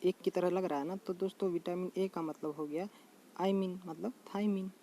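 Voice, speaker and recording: With a high voice that is steady and warm, a man casually teaches a general knowledge lesson and repeats things a lot. He speaks to viewers as friends, slowly repeating terms, with slight background noise.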